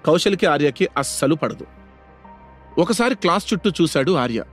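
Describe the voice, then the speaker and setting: A man's voice: fairly high pitch, animated, normal speed, breathy edge, faint music behind. A man narrating a scripted audio story in a dramatic storytelling manner.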